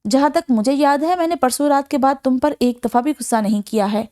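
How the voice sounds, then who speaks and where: A woman voicing a protective young husband from a novel, quick to anger and gentle with his wife. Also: extremely high pitch, pitched above the performer's own voice. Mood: tender. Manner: fierce then tender.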